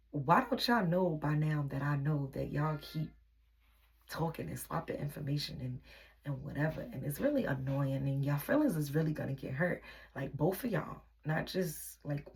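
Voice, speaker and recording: Young woman spilling relationship drama, low voice with lots of gravelly fry, candid and venting. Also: a little mellow. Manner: candid, venting, drifts into a whisper. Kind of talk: casual storytime vlog.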